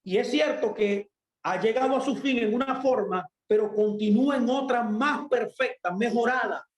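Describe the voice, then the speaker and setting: A man's voice: very high-pitched, normal speed, reverberant, rough recording. A man preaching a sermon in an emphatic way, putting questions to himself and answering them.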